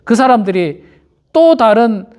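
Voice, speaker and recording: A male pastor delivers an early-morning sermon with a lively voice that swings up and down. He keeps circling back to the same phrases and calls out to the listeners over and over. He slips into little voices for the churchgoers he quotes. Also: very high voice, measured pace. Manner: repeats key phrases and often addresses the congregation directly.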